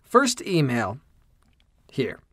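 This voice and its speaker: A man's voice: mid-range voice, huge pitch swings, drawn-out words, a bit bright, no room sound, studio quality. A man co-hosting a podcast with casual, rambling, joking banter. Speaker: podcast co-host.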